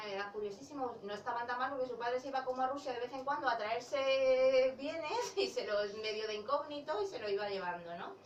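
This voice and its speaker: In casual book talk at a bookshop, a woman discusses her novel in a mid-range voice, chatty and laughing, frequently starting over and correcting herself. The mic seems somewhat distant, so the room lends a clear echo, with a faint hiss beneath her voice.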